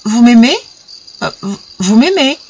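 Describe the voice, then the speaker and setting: A bright, high young girl, timid and overjoyed at once, her words catching and stumbling as she speaks, put on by an audiobook reader. Her voice rises well above the narration and swings freely. It is a storybook romance voice, tender and unsure. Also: lively intonation, slightly rough, lo-fi sound. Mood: wondering joy. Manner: breathless, halting with emotion. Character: young girl in love, shy and joyful.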